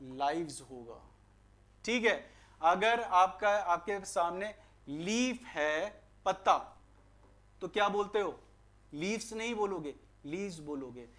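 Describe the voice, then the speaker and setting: A high-pitched young male teacher with an Indian accent runs an online exam-prep grammar class. He keeps asking his students questions and then answers them himself, sliding English phrases into his explanations. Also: expressive, slow pace, a bit bright.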